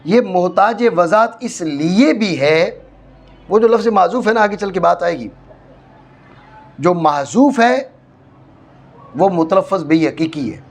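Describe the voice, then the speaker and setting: A Pakistani teacher lectures his class on Arabic grammar, moving step by step, restating points, and frequently confirming students follow along. His high-pitched voice has lively intonation, broken by long pauses.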